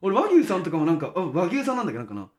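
A man with a high, lively voice co-hosting a casual talk show. He talks fast in rough slang and laughs often as he jokes with his partner. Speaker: podcast co-host reading listener mail. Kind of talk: casual banter.

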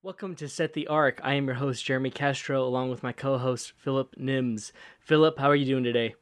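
A man hosting a podcast in a casual chat, with informal, halting phrasing. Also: mid-range voice, steady tone, soft background music. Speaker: podcast host.

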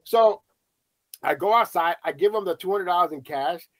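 A middle-aged man from the United States, a podcast host telling a story casually on a panel and acting out the quoted voices with lively swings. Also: a little fast. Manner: animated storyteller, acts out quotes with high excited voices.

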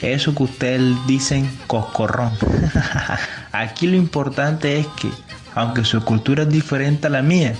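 A man's voice: mid-range voice, unhurried, soft background music, close to an everyday voice. A man playing an easygoing, teasing fellow with a Colombian Caribbean coastal accent in a children's story. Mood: teasing, friendly. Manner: breezy, colloquial, teasing.

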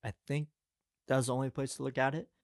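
A young man talks through his complaints in a loose, rambling way, packing his sentences with filler words and a growing exasperation. His voice sits at an ordinary middle pitch. The sound is dry and close, with no room echo around it. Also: level tone, fast talker. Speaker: commentator. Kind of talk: casual spoken review.

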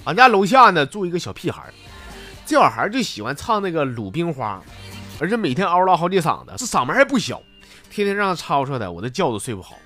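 A man's voice: fairly high pitch, big pitch swings, fast talker, pushed and bright, soft background music. Chatty Northeastern Mandarin man telling jokes. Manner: chatty, folksy, playful. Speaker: host reading listener jokes. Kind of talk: comic storytelling on radio.

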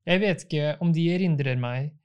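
Man voicing an elderly prince, dry and ironic, courteous father, storybook reading, slightly high voice. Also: darkish tone, smooth, natural voice. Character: old prince, mocking yet courteous father.

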